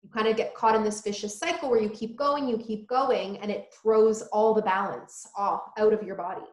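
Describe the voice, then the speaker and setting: A woman's voice: medium pitch, steady tone, moderate pace. A woman guest born in Poland, speaking earnestly in a casual interview. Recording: echoey room.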